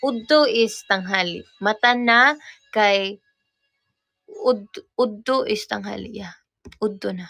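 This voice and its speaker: A young woman from Cebu, Philippines, with a Cebuano accent, hosts a casual livestream, patiently explaining Bisaya words and often repeating and correcting herself. Her medium-pitched voice is gravelly and a bit bright, and she speaks slowly with frequent pauses. The sound comes from a phone or camera mic.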